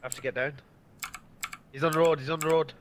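A man playing a shooter game with his squad, giving quick callouts on a headset. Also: fairly high pitch, steady tone, noisy background. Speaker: gamer. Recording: music behind. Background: music.

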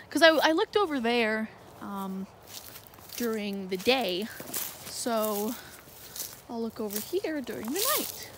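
A young woman vlogs as she walks through a dark, marshy wood at night, holding her phone in her hand. Her slightly high voice has lively intonation, and she speaks slowly, rambling hesitantly with lots of fillers and long pauses. The outdoor phone audio is noisy.

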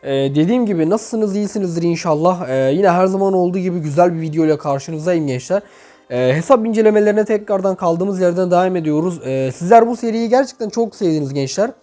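A man's voice: high-pitched, lively intonation, fast talker, mellow. A young man with an echoey, reverberant room sound gives casual, chatty gaming commentary as a channel host, talking to viewers like friends. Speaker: YouTube game channel host. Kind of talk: casual gaming commentary, reviewing player profiles. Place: bedroom with items cleared out, indoors. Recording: echoey emptied room, faint music behind. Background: music.

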